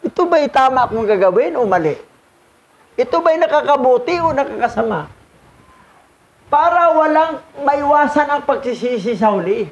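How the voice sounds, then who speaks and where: A religious instructor with an extremely high, expressive voice comments on a reading at a moderate pace, casually and repetitively, chuckling and mixing in English words. The recording has its highs cut off.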